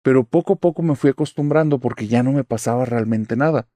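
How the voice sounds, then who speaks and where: A man narrates a listener's horror tale in the first person. His voice sits at a middling pitch and keeps a steady, even storytelling flow. The recording is dry and close, with no room sound. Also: fast talker, no echo.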